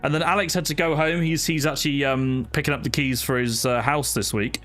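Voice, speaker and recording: Music plays in the background as a young male sim racing streamer greets viewers by name from his home setup, his casual chat full of fillers. His fairly high, fairly bright voice moves fairly quickly with fairly even intonation. He is not from Wales.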